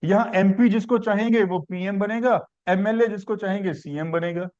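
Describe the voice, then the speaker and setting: A man's voice: high voice, moderate pace, darkish tone, muffled recording. A man teaching a civics class, asking questions and building the answer step by step through simple examples. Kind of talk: classroom lecture.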